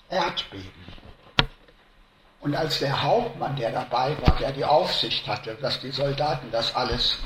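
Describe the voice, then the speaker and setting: A man preaching a sermon to a congregation, slow and emphatic, rising to loud stresses and dropping to hushed lines. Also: medium pitch, reverberant, background noise.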